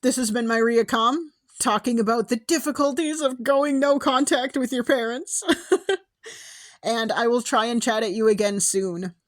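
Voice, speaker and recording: A young woman with a slightly high voice, talking alone into a home mic. She rambles, second-guesses herself and laughs often, and her voice is wearing thin and hoarse. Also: steady tone, moderate pace, few pauses. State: losing her voice. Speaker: podcast host. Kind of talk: casual personal monologue.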